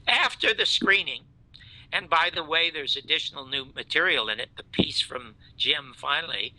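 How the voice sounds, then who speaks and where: In animated conversation, an older talk show host relates a tale with expressive, emphatic indignation at a normal pace. He performs the dialogue he quotes and shifts from loud anger to a quiet hush. The recording is rough.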